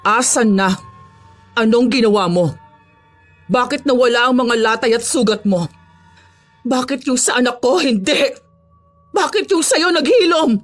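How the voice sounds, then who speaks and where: A woman's voice: high-pitched, moderate pace, soft background music, lightly acted. A woman voicing a desperate, grieving mother who pleads and accuses through tears in a horror audio story. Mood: frantic. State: crying.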